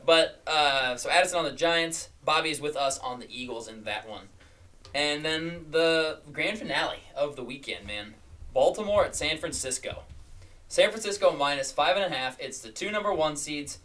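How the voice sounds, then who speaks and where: A man's voice: fairly high pitch, normal speed, a bit bright, far from the mic. A man hosting a sports podcast, leading the game picks in an upbeat, casual way. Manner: upbeat, leads the discussion. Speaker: podcast host running the picks.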